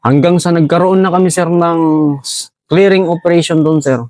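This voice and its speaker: Soft-spoken soldier peppering every line with "sir". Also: male voice, a little high, steady tone, normal speed, no echo. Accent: Filipino. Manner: deferential, says "sir" constantly. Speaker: special forces team sergeant, guest. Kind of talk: recounting a combat story.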